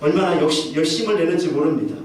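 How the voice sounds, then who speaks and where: A man's voice: on the high side, animated, quick pace. A man preaching a sermon as pastor, earnestly asking his listeners question after question. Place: church sanctuary. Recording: very echoey church hall from far off, faint noise.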